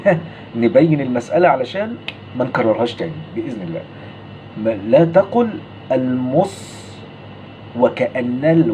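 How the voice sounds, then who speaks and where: A man with an Egyptian Arabic accent giving a religious lesson on recitation. He asks the listener questions and draws out sounds slowly to contrast them. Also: medium pitch, warm tone, a little hiss or hum, rough recording. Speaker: Quran recitation teacher.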